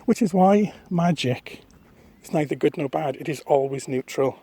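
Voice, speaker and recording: A man talking into his phone on a misty countryside walk, thoughtful and rambling, pausing often. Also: on the high side, mellow. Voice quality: husky. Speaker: vlogger. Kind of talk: casual walking vlog monologue. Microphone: phone held at arm's length.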